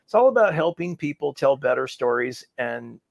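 A man speaking as an interview guest, quick and self-assured, with a dry sense of humor. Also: mid-range voice, sing-song, vocal fry, dry recording. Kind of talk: conversational interview.

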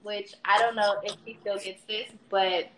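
A woman chatting casually about a former coworker, telling lively stories and acting out what was said. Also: mid-range voice, moderate pace, background noise. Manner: animated storyteller, acts out quotes. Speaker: former supervisor. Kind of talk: casual chat.

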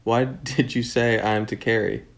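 A fussy old camel full of aches and excuses, as a man reading a storybook puts him on. The voice is low and gravelly, and every line is a complaint. He sounds like a lazy old beast who would rather stay asleep. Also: steady tone, moderate pace. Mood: grumbling. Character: grumbling old male camel, lazy and self-pitying.

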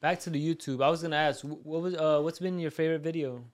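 A man's voice: on the high side, fairly even intonation, fast talker. Laid-back young man co-hosting. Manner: laid-back, chatty interviewer asking questions. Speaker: podcast co-host. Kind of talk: casual podcast chat.

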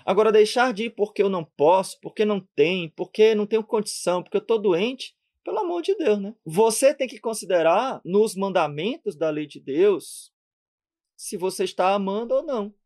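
Emphatic Brazilian priest preaching live. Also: male voice, sits high, darkish tone. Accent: Brazilian Portuguese. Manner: emphatic, full of rhetorical questions, speeds up and slows down for effect.

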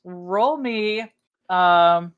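A woman's voice: on the low side, extremely slow, clean tone, lo-fi sound. A woman running a tabletop game as game master, narrating and laughing often. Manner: laughs often, animated and loose.

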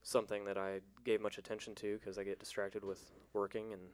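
A man's voice: lowish voice, completely flat delivery, a little fast, a little hiss or hum. A man co-hosting a casual podcast, easygoing and rambling. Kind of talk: casual chat.

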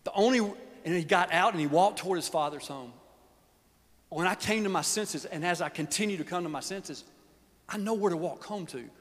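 A man's voice: sits high, moderate pace, fairly bright tone. Folksy man preaching in a hall. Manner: folksy, earnest, drops to near whispers. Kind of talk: sermon. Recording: long hall reverb.

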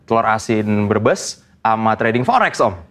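A man's voice: on the low side, sing-song, unhurried, fairly bright tone. A man in a comedy sketch playing a nervous boyfriend who stammers politely while meeting his girlfriend's father.

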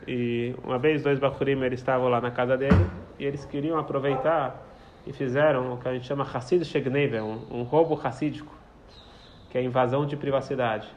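A Torah teacher walks a small group through a prayer text, explaining it and telling stories while often repeating his phrases. His mid-range voice keeps a steady tone and moves fairly quickly. The audio is slightly dull, with faint background noise.

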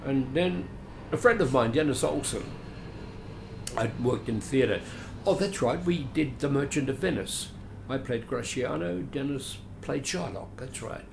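Against a noisy background, this older Australian man talks at a measured pace in a medium-pitched, creaky, expressive voice. A veteran actor from Adelaide, he is being interviewed and drifts chattily through old stories, undercutting himself with dry humor.

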